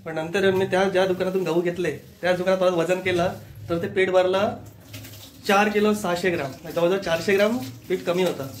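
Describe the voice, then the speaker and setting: A young man co-hosting a family vlog at home, telling viewers a story in a relaxed, chatty way. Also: sits high, fairly quick, a little hiss or hum. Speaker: vlog co-host. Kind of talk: casual home vlog chat.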